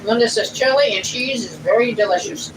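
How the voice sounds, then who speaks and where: A middle-aged woman chats casually on a family livestream, reading viewer comments aloud in a homey, plainspoken way. Her voice is a little high and fairly quick, picked up by a distant mic in a noisy room.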